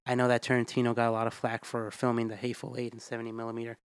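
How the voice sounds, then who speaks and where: Fast-talking man on a film podcast. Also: mid-range voice, monotone, smooth, no echo. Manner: laid-back slangy conversational phrasing. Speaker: podcast guest, film enthusiast. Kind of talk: casual chat.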